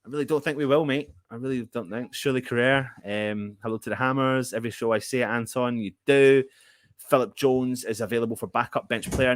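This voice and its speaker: Recorded clean and dry in a studio, a man with a mid-range voice hosts a live show for football fans. He chats with viewers like old friends, calling them "mate" and commenting on club news.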